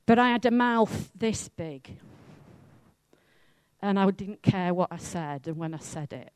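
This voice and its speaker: A Welsh woman with a Welsh accent preaches a sermon in a chatty, lively and self-mocking way. Her medium-pitched voice is clear and resonant, moving at a measured pace.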